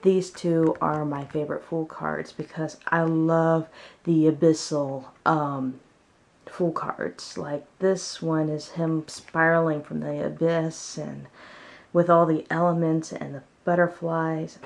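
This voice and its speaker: A woman's voice: low voice, flat delivery, takes it slowly, gravelly. A woman chatting casually at home as she presents her favorites in a vlog. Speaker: tarot deck reviewer.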